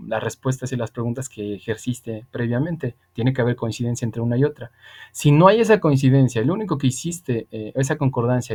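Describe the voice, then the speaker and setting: A man in his 30s teaches English online, explaining patiently and with emphasis in a casual tutoring style full of repetition. His voice has a medium pitch and a slightly mellow quality.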